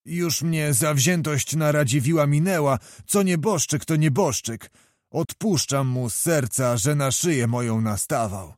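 A man's voice: on the high side, a little slow, no room sound, clean studio sound, close to an everyday voice. A man voicing an older, garrulous nobleman who hems and repeats his words. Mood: rambling, musing. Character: older garrulous male nobleman, hemming and blustering.

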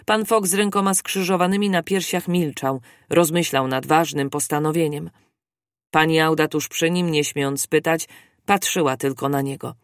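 An audiobook reader giving a steady, scripted narration of a classic adventure novel. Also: medium pitch, moderate pace, no room sound, clean studio sound.

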